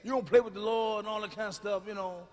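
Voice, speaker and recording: A man doing a stand-up comedy set, telling loud, profane stories and now and then breaking into sudden hollers. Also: sits high, steady tone, fast talker. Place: comedy stage before a live audience. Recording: live hall recording with reverb.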